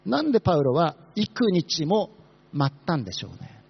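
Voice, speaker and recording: Male pastor, quick-tongued and animated, high voice, dull lo-fi recording. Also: vocal fry, slightly rough. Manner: fast-talking, asks the congregation questions. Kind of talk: sermon.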